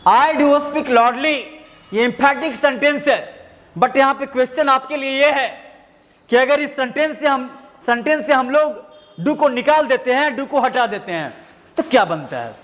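A male teacher with an Indian English accent delivers a grammar lecture in an extremely high, fairly bright voice with lively intonation. He repeats points, addresses his students fondly, and draws out English phrases. The sound suggests a big room.

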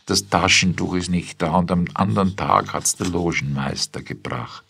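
A man's voice: low-pitched, moderate pace, vocal fry, fairly bright tone, breathy edge, voice pushed up, exaggerated voice. A man voicing a loyal, aggrieved lady's maid who complains plaintively, in a spoken story. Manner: plaintive, reproachful, wailing.

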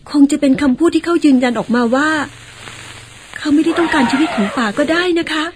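A woman acting in an old-style radio drama as a gentle, polite young daughter who coaxes and explains patiently. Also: high-pitched, brisk, slight background noise, natural voice. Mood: polite, thoughtful. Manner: coaxing, polite, carefully explaining.

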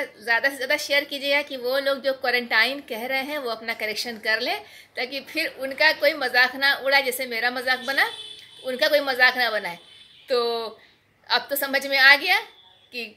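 A woman vlogging casually at home, chatty and self-mocking, slowing down to spell out a word carefully. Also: high-pitched, bright, forceful tone. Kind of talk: casual explanatory vlog. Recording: faint background noise, hammering below.

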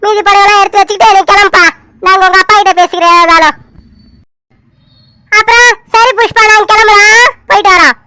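A woman's voice: very high voice, steady tone, a little fast, long pauses, pushed and bright. A woman voicing a bossy woman from the groom's family who gives orders in a village family cartoon. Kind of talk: animated cartoon serial voice.

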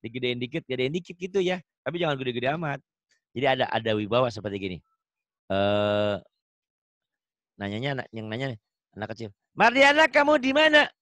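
A man teaching Quran recitation over an online call, chatting and coaching, then chanting example verses slowly and melodically. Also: mid-range voice, no echo. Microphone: video call.

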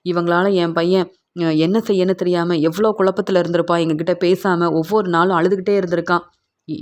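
A woman's voice: on the low side, natural voice. Woman reading as a pleading older father. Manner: pleading, aggrieved. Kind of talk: retelling a TV serial scene.

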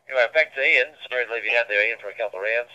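Over a two-way radio, a male amateur radio operator chats informally in an unscripted ham exchange. His mid-range voice comes rapid-fire, pushed and bright, through dull, band-limited transmission audio.

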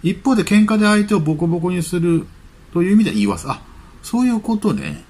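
Man, channel host, casual news commentary, husky, lively up-and-down delivery, reads then chats. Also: sits high, fast. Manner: reads news items aloud, then muses with chatty asides.

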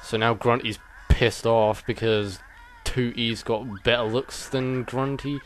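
A man's voice: mid-range voice, level tone, slow, faint music behind. A man giving casual let's play commentary with joking, rambling asides.

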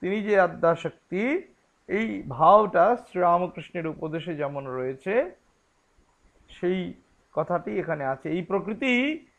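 A man with a Bengali accent teaching scripture, chanting Sanskrit verses and explaining them word by word in a deliberate lecture. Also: sits high, lively intonation, vocal fry, dull audio.

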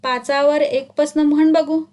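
A short-tempered village schoolmaster, as a woman reads him out in a storybook reading. He scolds and barks orders in broad rural dialect, his voice high and pushed loud. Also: moderate pace, lightly acted. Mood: scolding. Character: irritable shouting male village schoolteacher.

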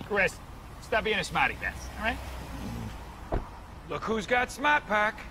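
A man's voice: sits high, very animated, very slow, noisy background, heavily acted. A man with a Boston accent playing a cocky young car owner in a TV commercial, bragging in thick local slang. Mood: boasting. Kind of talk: TV commercial acting.

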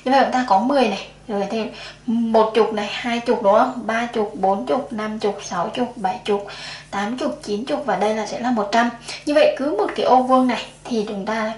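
A woman teacher with a slightly high voice walks young children through a math lesson, counting out loud one step at a time. She sounds patient and even. The recording has a noticeable room echo. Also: a little fast. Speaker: primary school math teacher.

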